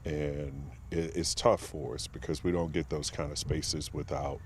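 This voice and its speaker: A man from Virginia, a guest on a casual podcast interview, speaks earnestly and reflectively with many pauses and fillers. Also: very deep voice, steady tone, slight background noise. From Martinsville, Virginia, USA. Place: outdoor expo grounds.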